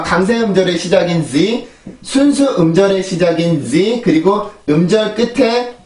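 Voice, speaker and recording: Male pronunciation teacher, fairly high voice, slightly distant from the mic, patient drills. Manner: explains patiently and models words by repetition. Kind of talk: pronunciation lesson. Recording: echoey room, voice a bit off-mic.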